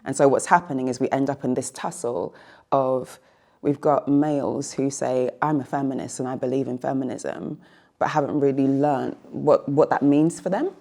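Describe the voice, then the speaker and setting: Very deep, dark-voiced woman in her forties. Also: steady tone, normal speed, gravelly. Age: 40s. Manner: thoughtful, searching, rephrases as she goes. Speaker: panel guest, well-being coach. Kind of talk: casual discussion.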